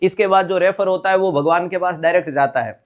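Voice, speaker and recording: A man whose voice sits high moves at a quick pace through a live online nursing exam lecture. He teaches step by step, restates key terms, and checks that the class is following along.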